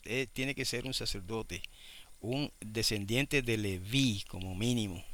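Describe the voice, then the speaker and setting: Bright, crisp-voiced man preaching. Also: medium pitch. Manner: explanatory, asks listeners rhetorical questions. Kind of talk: sermon teaching.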